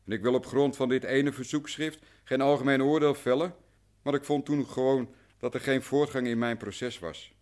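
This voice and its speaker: A man with a medium-pitched, steady, slightly mellow voice, close to how he talks every day, performs a Dutch radio drama role at a moderate pace. His character is a talkative, anxious, deferential client, long-suffering, who details things meticulously and at length. He comes across earnest and resigned.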